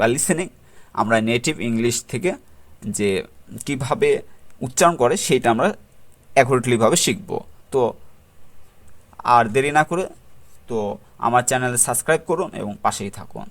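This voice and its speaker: Man, Bangladeshi accent, vocabulary tutor, mid-pitched voice, asks himself questions as he explains. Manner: rhetorical questions, mixes English terms.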